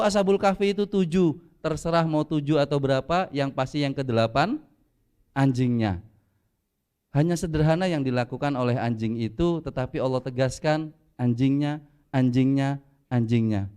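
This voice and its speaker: A man's voice: medium pitch, a little mellow, clear, resonant tone. A middle-aged man giving a joking, playful sermon at a mosque gathering. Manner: playful, joking, with dramatic pauses. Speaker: preacher. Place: mosque hall.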